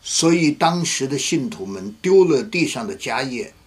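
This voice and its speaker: A man's voice: mid-range voice, animated, normal speed, slightly rough. A man, a pastor, preaching a sermon and telling a story vividly, acting out the voices of the people he quotes.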